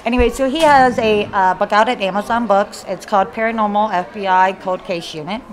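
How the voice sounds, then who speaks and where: At a haunted hotel event, a middle-aged woman with a Kentucky accent speaks briskly at a medium pitch. She's a guest paranormal investigator in a casual live interview, rambling with plenty of fillers and restarts while crowd chatter fills the background.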